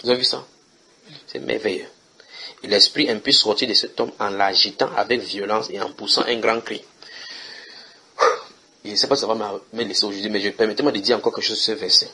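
A man's voice: on the low side, steady tone, quick pace, bright, forceful tone, husky. A man preaching at a house church, reading Bible verses and questioning his listeners in a conversational way.

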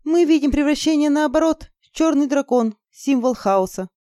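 A woman's voice: sits high, expressive, normal speed, warm tone, dry recording, clean studio sound, voice pushed up. A woman voicing an anxious, fearful young sorceress in an audiobook, her lines pleading and panicky. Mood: explaining.

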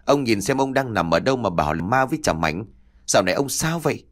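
A man's voice: medium pitch, animated, fast talker, natural voice. A man voicing an older village wife who scolds her husband in a matter-of-fact way. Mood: puzzled scolding.

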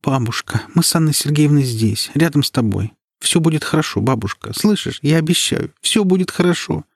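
A frightened young woman, voiced by a man pleads urgently through tears. Her tone is raised and husky, with a dry close sound. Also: medium pitch, fairly even intonation, fairly quick, a little mellow, no echo, pitched above the performer's own voice, close to an everyday voice. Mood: frightened, imploring. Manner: urgent, imploring. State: crying. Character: young granddaughter maid, frightened and tearful.

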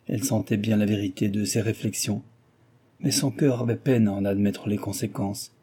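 A man narrates a classic novel in a calm, measured storyteller's voice. His tone is deeply dark and mellow with a husky edge. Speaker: audiobook reader. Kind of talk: literary narration.

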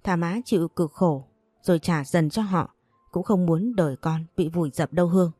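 A woman's voice: lowish voice, normal speed, mellow, no room sound, faint music behind, lightly acted. A woman voicing a worried poor mother from the countryside who scolds and pleads with her daughter. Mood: pleading. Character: worried poor rural mother, stern but tender.

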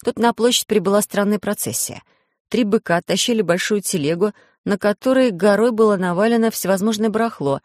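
A man narrating an audiobook in steady storytelling, acting out the voices. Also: sits high, a little fast, dry recording, clean studio sound. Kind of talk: scripted narration.

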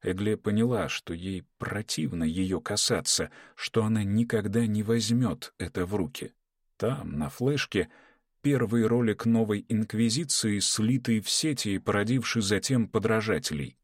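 Man narrating an audiobook, low and dry. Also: dry recording. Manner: measured, dramatic reading, voices characters in dialogue. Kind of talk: scripted narration with character voices.

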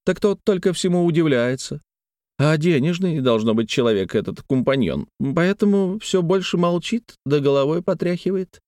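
Male reader as a chatty folksy servant woman: high sing-song gossip, dry audiobook read. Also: animated, moderate pace, a little mellow, no room sound, close to an everyday voice. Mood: gossipy.

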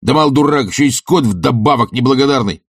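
Guy doing a husky shouting bully, rude loudmouth, voice jumping all over, audiobook. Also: medium pitch, expressive, quick pace, dry recording, studio quality, voice pushed up. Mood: scornful, ranting. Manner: shouting, insulting, self-pitying rants. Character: coarse blustering middle-aged man, a bullying sponger.

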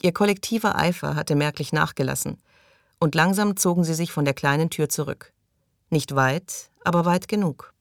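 A woman narrating an audiobook in an even, measured way. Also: low-pitched, no echo, clean studio sound. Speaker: audiobook reader. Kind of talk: scripted narration.

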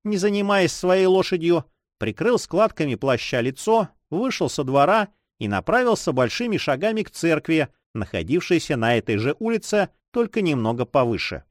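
A man narrating an adventure novel aloud with expressive storytelling. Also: a little high, moderate pace, hardly any pauses, no echo, studio quality. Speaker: audiobook reader. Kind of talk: scripted narration.

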